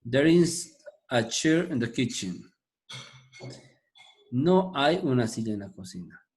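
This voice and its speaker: Slow, patient male English teacher. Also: mid-range voice, sing-song, a little mellow. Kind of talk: explaining grammar to a class.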